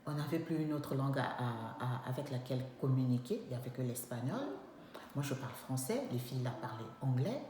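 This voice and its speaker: A young woman with a low, deep voice tells a story from her own life, emphatic and lively as she acts out each exchange. Her voice rings through a very echoey room, with faint noise in the background. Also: brisk. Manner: animated, emphatic, acts out dialogue. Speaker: vlogger telling a personal story. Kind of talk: personal storytelling monologue.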